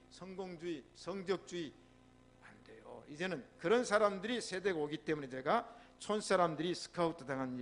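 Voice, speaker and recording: A man with a Jeolla accent preaching a sermon as pastor, telling stories and prompting replies from the congregation. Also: on the high side. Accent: Jeolla Korean. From Jeolla, South Korea. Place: church sanctuary.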